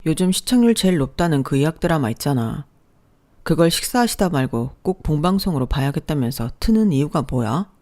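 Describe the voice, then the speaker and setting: A narrator voicing a young husband who is touchy and speaks in a resentful, accusing way. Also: male voice, fairly high pitch, big pitch swings, a little fast, darkish tone.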